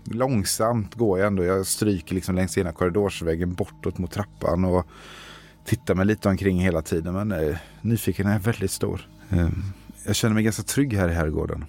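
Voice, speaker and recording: A man's voice: low-pitched, a little mellow. A man playing a tabletop role-playing game, describing his character's actions in a hesitant, stammering way while thinking aloud. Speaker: player. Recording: faint music behind.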